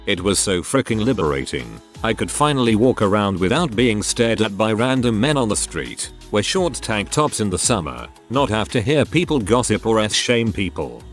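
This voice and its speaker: A man's voice: on the low side, very animated, normal speed, faint music behind. A man narrating a string of short online posts in a scripted reading voice. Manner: reads out short posts one after another.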